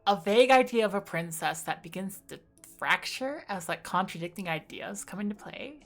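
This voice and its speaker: A woman's voice: mid-range voice, lively intonation, normal speed, a bit bright, faint music behind. A woman game streamer giving casual, hesitant, reactive live commentary as she plays.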